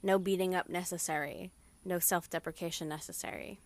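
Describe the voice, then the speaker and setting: A young adult woman hosting a podcast, talking through a calm guided meditation in a soft, soothing, reassuring way. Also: on the low side, fairly quick, no echo. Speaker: podcast host.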